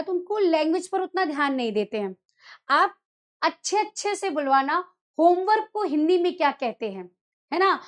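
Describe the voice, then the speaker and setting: A young woman teaching a Hindi lesson to school students in a chatty, teasing way, often scolding them fondly as children. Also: very high-pitched. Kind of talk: online exam-prep lecture.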